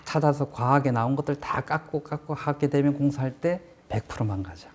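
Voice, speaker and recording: A man's voice: medium pitch, brisk. A man giving a casual explanatory lecture on construction management, plain-spoken and asking rhetorical questions as he teaches.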